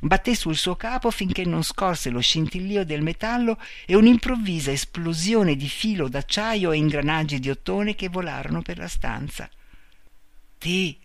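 A man reading a story aloud in a measured, expressive way. His voice sits a little high for a man. It is recorded dry and close. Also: creaky, dry recording. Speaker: narrator.

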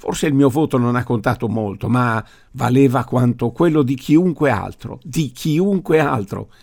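A gruff, stubborn old grandfather, voiced by a male reader in an audiobook. He declaims with force and indignation, his voice raised. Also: medium pitch, measured pace, a little mellow. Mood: indignant. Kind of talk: audiobook character voice.

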